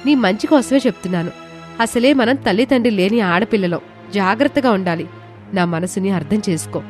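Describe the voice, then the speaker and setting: A woman's voice: medium pitch, brisk, a little mellow, faint music behind, lightly acted. A woman voicing a responsible young older sister in an audio story, earnest and pleading.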